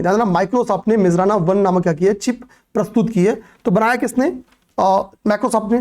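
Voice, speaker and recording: This Hindi-speaking coaching teacher has a high-pitched, somewhat dark voice as he delivers a current-affairs lecture. He repeats himself, answers his own questions, and checks in with "okay, pay attention."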